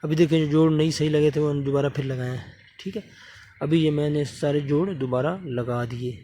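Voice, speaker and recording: A man from Pakistan walks viewers through a motor repair at his workbench, chatting as his hands work and checking in with them again and again. His voice sits a little high with a mellow, soft-edged tone. A faint hiss runs under the recording. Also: fairly even intonation. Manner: talks while working, often asking viewers to subscribe; repeats fillers and checks in with the viewer. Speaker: electronics repair technician.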